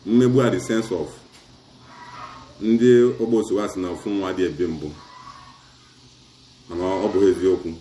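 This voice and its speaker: This middle-aged man from Nigeria speaks as a chief in an interview, retelling a community dispute at length in a blend of Igbo and English with an Asaba Igbo accent. His dark, low voice keeps a fairly even intonation at a moderate pace, pausing often. There's reverb plus a bit of hiss or hum.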